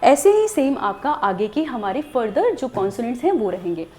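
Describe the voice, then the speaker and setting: Young woman explaining a lesson, high voice that jumps around a lot, patient. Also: very animated, moderate pace, darkish tone. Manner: patient, explanatory, repeats "theek hai". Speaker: shorthand teacher. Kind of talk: recorded lesson.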